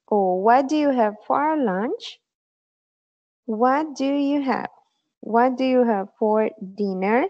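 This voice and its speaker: A woman tutoring an online English class, explaining slowly and patiently with frequent fillers. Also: on the high side, mellow. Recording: dull lo-fi online call audio.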